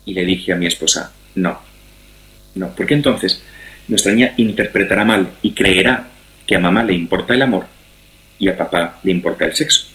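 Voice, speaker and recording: Low-pitched and fairly bright, this middle-aged Spanish man's voice moves at a moderate pace. As a guest speaker on family and sex education, he talks in a conversational, explanatory interview style, teaching-like and repeating phrases to drive points home, in a roomy, echoey room.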